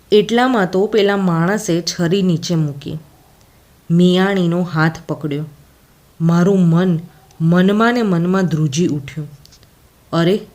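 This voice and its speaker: A woman with a Gujarati accent reading a short story aloud as an audiobook narrator, in a measured, deliberate telling. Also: fairly low pitch, darkish tone.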